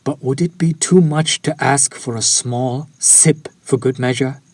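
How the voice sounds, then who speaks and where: A man plays a courtly, centuries-old vampire in an intimate audio roleplay, addressing the listener with formal, old-fashioned politeness in a courteous, eager mood. His medium-pitched, husky voice is a little slow and darkish in tone, with no room sound.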